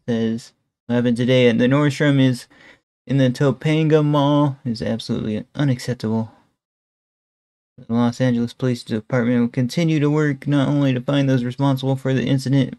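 Recorded dry, a young adult man with a medium-pitched, dark voice streams a casual reaction indoors at home. He speaks into a headset, framed on webcam, and rambles with lots of "bro" and "guys" fillers.

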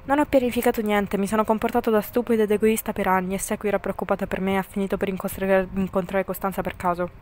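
A woman voicing a secretive, remorseful young man who speaks in a slow, subdued way, in an amateur fan voice-over of a story game. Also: medium pitch, little pitch movement, darkish tone, slight background noise, lightly acted.

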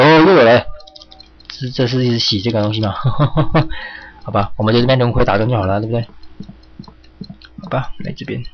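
A young man streaming a horror game, jumping, yelping and cursing at the game as he plays. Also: medium pitch. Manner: jumpy, yelps and curses at the game. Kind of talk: horror game let's play commentary. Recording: slightly dull lo-fi home mic with faint hiss.

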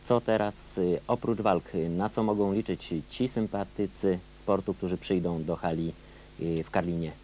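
A deep, dark-toned man hosting a local sports interview, putting his questions in long, winding sentences. A faint hum runs behind him, as on an old 1990s video tape. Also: fairly even intonation, normal speed. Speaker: TV sports reporter.

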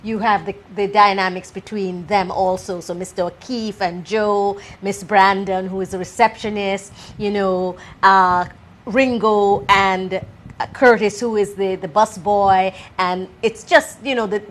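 Woman theatre director on a talk show, articulate, mid-pitched, explanatory. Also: fairly even intonation, measured pace. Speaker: play director.

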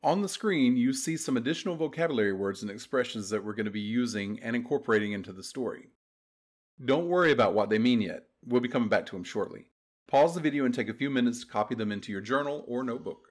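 A man narrating a recorded language lesson in a patient, step-by-step way. His voice sits at an ordinary middle pitch for a man. He reads scripted instructions clearly, like a classroom teacher. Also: lively intonation, fast talker.

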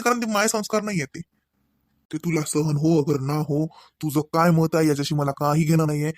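A man's voice: on the high side, dry recording, clean studio sound, close to an everyday voice. A man voicing an angry young husband who sternly scolds his wife, speaking. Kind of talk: cartoon voice acting.

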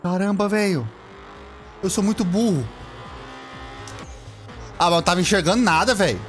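A young man with a Brazilian accent giving casual, excitable gameplay commentary, full of slang, shouting and laughing at the game. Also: sits high, normal speed, soft background music. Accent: Brazilian Portuguese. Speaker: gameplay streamer.

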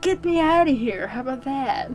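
A woman's voice: sits high, animated, normal speed, a little mellow, faint music behind, voice pushed up. A woman voicing a sulky, defiant little girl.

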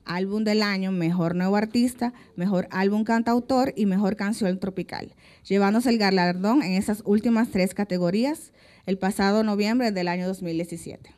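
A woman reads a prepared biography at a ceremony in a formal, measured way. Her voice is of middle pitch, close to a handheld mic. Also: darkish tone. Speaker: event presenter.

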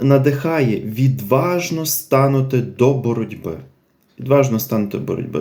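A man giving an unscripted spiritual talk in an episode of a devotional series, pausing often, repeating phrases and checking in with listeners. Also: mid-range voice, dark tone. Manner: unscripted, hesitant, many fillers, repeats phrases, asks "right?". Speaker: religious speaker presenting a series on a saint.

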